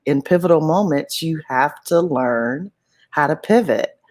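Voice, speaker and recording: A woman's voice: low-pitched, animated, unhurried, a little mellow. A woman co-hosting a talk show, chatting enthusiastically and laughing often. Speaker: show co-host. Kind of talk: casual podcast chat.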